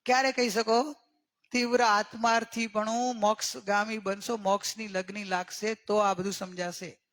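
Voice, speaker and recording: A man giving a religious discourse as a spiritual teacher. He keeps checking in with his listeners and draws key words out slowly for emphasis. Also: high-pitched, flat delivery, a bit bright. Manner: questioning, coaxing listeners with repeated checks.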